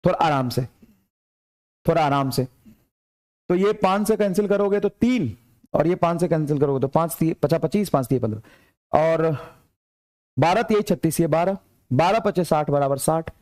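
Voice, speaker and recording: The male physics teacher, high-pitched and energetic, drives his lively class with repetitive urging and reads out English problems slowly for dictation.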